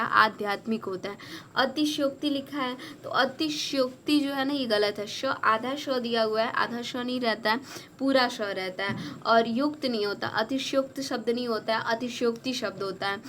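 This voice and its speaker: Woman giving a slow spelling lesson. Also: fairly high pitch, fairly bright tone, slight background noise. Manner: slow, repetitive, correcting each word. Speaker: exam prep tutor.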